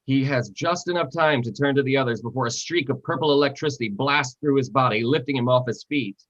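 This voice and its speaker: A man's voice: medium pitch, fairly quick, a bit bright. Lo-fi man narrating stage directions. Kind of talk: reading screenplay stage directions. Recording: dull lo-fi sound.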